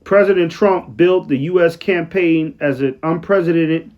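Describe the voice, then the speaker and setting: Tired man with a slightly high voice. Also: lo-fi sound. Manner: rambling, keeps asking "right?", slows down to read quotes. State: tired, yawning late at night. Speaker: online commentator. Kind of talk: casual commentary reading news aloud. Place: at work, late at night.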